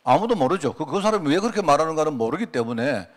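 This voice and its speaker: A man's voice: a little high, big pitch swings, fast talker. A man, a pastor, preaching a sermon in a conversational way, asking his congregation rhetorical questions and acting out quoted prayers. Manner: acts out quoted prayers and remarks.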